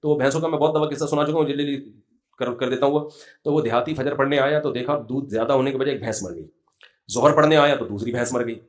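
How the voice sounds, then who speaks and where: A middle-aged man giving a conversational sermon, mixing humorous anecdotes with recited Quranic verses. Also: medium pitch. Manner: storytelling, humorous, quotes Quranic verses in Arabic. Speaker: Islamic scholar giving a religious talk.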